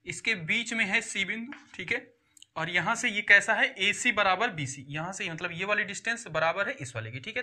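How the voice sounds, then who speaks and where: Bright-voiced man teaching a maths lesson. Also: sits high. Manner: addresses students as children, repeats and checks with "theek hai". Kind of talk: classroom-style maths lesson.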